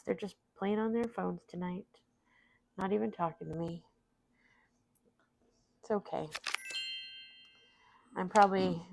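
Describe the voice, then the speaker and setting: A middle-aged woman streamer, sniffly and tired after her vaccines, rambles casually about her day while playing solitaire. Her voice is fairly low and gravelly, the audio is poor with a little hiss or hum, and she talks to chat in a self-deprecating way.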